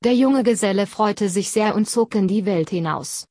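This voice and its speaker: A woman narrating a fairy tale in a calm, even storytelling manner. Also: mid-range voice, moderate pace, dry recording, clean studio sound.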